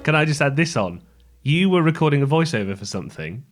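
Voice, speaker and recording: A man's voice: fairly high pitch, sing-song, fast talker, loud music behind the voice. A man, co-hosting a podcast in a studio, chatting and teasing in a playful way. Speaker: podcast co-host. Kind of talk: casual chat.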